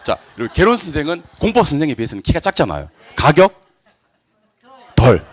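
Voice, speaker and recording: Male lecturer, fast, very animated pitch, quizzing the class, joking asides. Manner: lively, drills students with quick questions and answers. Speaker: real estate exam lecturer.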